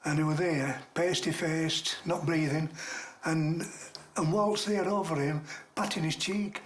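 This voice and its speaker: A man's voice: on the high side, fairly even intonation. Older man telling pit stories. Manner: halting, dialect-rich, acts out shouts in his tales. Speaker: retired coal miner. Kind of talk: casual reminiscing storytelling.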